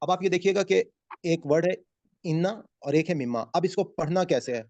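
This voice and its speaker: A man teaching a Quran recitation class over a video call, explaining slowly and calling on students by name. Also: fairly high pitch, darkish tone, dry recording. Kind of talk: online class teaching, mixing Urdu and English.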